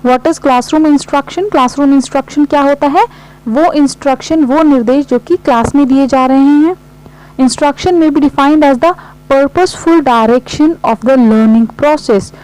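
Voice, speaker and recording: A woman teacher, giving an exam-prep lesson. She reads definitions slowly, then explains them quickly. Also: sits high, a little mellow, low-quality recording.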